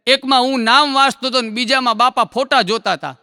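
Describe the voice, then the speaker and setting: A man telling jokes on stage, in folksy storytelling that acts out characters in quick dialogue. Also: very high-pitched, steady tone, bright, forceful tone, clean tone, no room sound, clean studio sound, in a large hall. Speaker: stand-up comedian.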